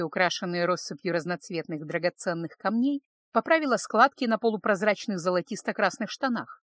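A woman's voice: lowish voice, no room sound. Woman narrating an audiobook, dry and close. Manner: steady, expressive reading. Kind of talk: first-person audiobook narration.

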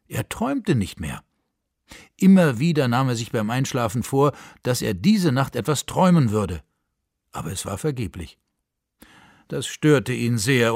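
A man narrating a story for radio in a measured, expressive way, recorded in a studio. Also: mid-range voice, no echo.

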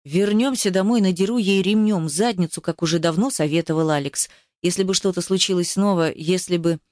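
A gruff, hot-headed young man, as a woman reader puts him on, speaking low and clipped and swearing when pushed. His voice is dry and close, with no room around it. It is an audiobook character voice. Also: fairly quick, a little mellow, no echo, natural voice. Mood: angry. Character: hot-tempered young man, protective and fierce.

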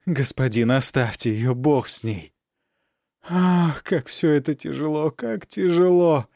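A man's voice: on the high side, gravelly, darkish tone, no echo, clean studio sound, voice pushed up. A man doing a sly fawning peasant woman. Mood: wheedling. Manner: wheedling, drawn-out, falsely humble. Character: fawning, sly young peasant woman, nanny turned concubine.

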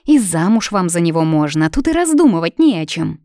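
A woman voicing a kindly, chatty maid who speaks in a gentle, reassuring way. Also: fairly low pitch, big pitch swings, fairly quick, no echo, clean studio sound. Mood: soothing.

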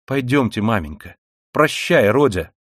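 A man's voice: mid-range voice, animated, dry recording, clean studio sound. A man voicing a proud, hot-tempered young sister. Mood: firm. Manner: firm, quick-tempered.

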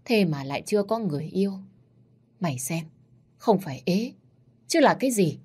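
A woman's voice: on the low side, lively intonation, moderate pace, darkish tone, breathy edge, voice pushed up. Old grandmother, fussy, doting, nagging, teasing, voiced by a woman. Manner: scolding, teasing, affectionate.

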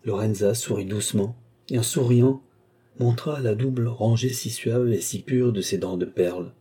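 A man narrating a classic novel as an audiobook, in measured, expressive storytelling. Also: mid-range voice, husky. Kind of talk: scripted literary narration.

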